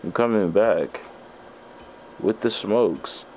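A man's voice: fairly low pitch, slow pace, a little mellow, lo-fi sound, a little hiss or hum. A trash-talking male game streamer. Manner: profane trash-talking at opponents; loose, casual slang. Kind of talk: live gameplay commentary.

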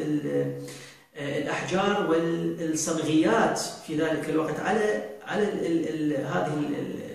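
A man, answering viewer questions on a show, talking slowly with many drawn-out fillers and restarts. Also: on the high side. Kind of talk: casual talk show monologue. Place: indoor studio set at a desk. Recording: very roomy, from far off the mic.

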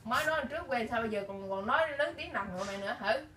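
Stern high-voiced mother, echoey room. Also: expressive, rapid-fire, pushed and bright. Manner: stern, firing repeated questions. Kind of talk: scolding a child at home. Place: room at home. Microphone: camera held by someone else some distance away. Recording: echoey room from a distance, faint hiss.

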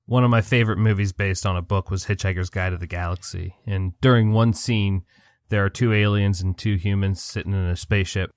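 A man's voice: sits low, fairly even intonation, a little fast, no echo, clean studio sound. Wry, laid-back podcast co-host man. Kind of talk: casual chat.

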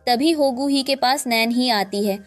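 A woman narrating a drama recap in a lively storytelling way, acting out the quoted lines. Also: on the high side, a little slow, faint music behind.

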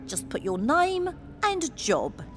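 Polite elf receptionist. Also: female voice, high-pitched, very animated, takes it slowly, full character voice. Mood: businesslike. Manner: polite, businesslike. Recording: cartoon soundtrack with music.

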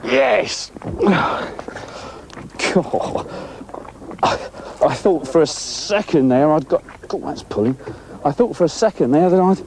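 Middle-aged male angling host, mellow and chatty, recorded outdoors on a boat at sea. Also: on the high side, slow, creaky, pauses often, a little hiss or hum. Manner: chatty, excitable, talks while fishing. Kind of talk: casual on-location commentary.

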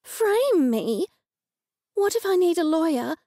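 Anxious middle-aged heroine, woman narrator doing her, higher and pushier, bit gravelly. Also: animated, normal speed, darkish tone, dry recording, clean studio sound. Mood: worried. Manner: raised, urgent, slightly higher than narration.

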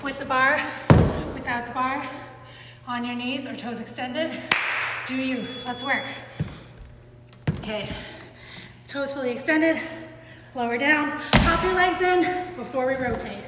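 A woman's voice: high voice, a little slow, long pauses. A woman fitness trainer leading a home workout, giving upbeat coaching cues, counting down and cheering. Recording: echoey room with long reverb and noise.

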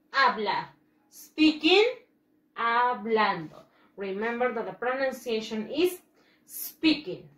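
A woman teacher drills vocabulary with young pupils, speaking slowly and patiently and stressing every word. Her voice sits a little high. The room around her is echoey. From Latin America. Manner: slow, patient, repeats each word with emphasis. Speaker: English teacher for young children. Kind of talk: bilingual classroom lesson, drilling pronunciation.

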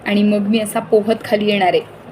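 A woman's voice: medium pitch, level tone, normal speed, a little mellow, slight background noise, natural voice. A woman voicing a bored young boy who whines and pleads in a storybook reading. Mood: excited. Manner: whining, pleading.

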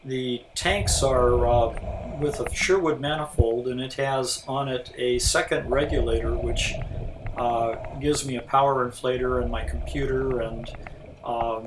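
An older man narrates a dive in an informal, explanatory way. He is matter-of-fact and a little halting. The recording is noisy and sounds away from the microphone. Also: mid-range voice, steady tone. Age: older, around 70s. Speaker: scuba diver and vlogger. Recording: distant, noisy outdoor camera audio.

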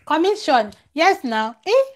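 A vlogger with a high, very animated voice speaks a little slowly, with a little hiss or hum on the recording. This young woman chats casually on her live stream, advising viewers and repeating phrases to drive points home. Her lavalier mic is clipped at the collar, and she's in a small room at home near a plain wall.

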